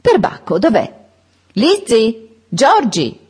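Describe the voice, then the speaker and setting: A woman's voice: on the high side, wildly swooping pitch, slow, breathy edge, pitched above the performer's own voice, exaggerated voice. A woman voicing a rude, domineering fourteen-year-old boy who taunts and orders people about in a storybook reading. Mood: taunting. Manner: taunting, bossy shouting.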